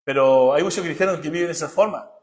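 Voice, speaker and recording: A male pastor, preaching emphatically and questioning his congregation, swinging from loud to hushed. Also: fairly high pitch, fast. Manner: emphatic preaching, rises and drops sharply, asks the congregation questions. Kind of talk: sermon.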